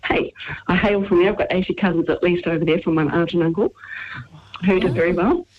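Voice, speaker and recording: A woman's voice: fairly low pitch, fairly even intonation, brisk. A woman from England calling in to a radio show, chatting with many fillers. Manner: chatty, warm about her town, hesitant fillers. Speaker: caller. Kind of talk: casual phone chat on radio. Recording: muffled phone line.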